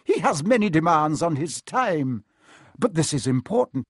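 A strict, brisk older female professor from a storybook, voiced by a man. The voice is pitched high and swings sharply, with clipped, coldly formal and imperious delivery. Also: very animated, husky, dry recording, clean studio sound, full character voice. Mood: cold, reproving.

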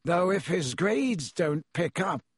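Guy doing a snooty cold rich wizard dad, slow sneering drawl, kinda husky. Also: on the high side, lively intonation, no echo, studio quality, heavily acted. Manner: icy, disdainful, clipped. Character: cold, haughty aristocratic wizard father.

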